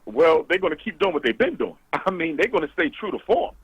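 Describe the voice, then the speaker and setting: Radio show caller, man, lively swooping delivery, husky tone, muffled lo-fi line. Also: on the high side, fairly quick, no room sound. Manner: animated, lecturing, emphatic. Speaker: guest on a talk radio show.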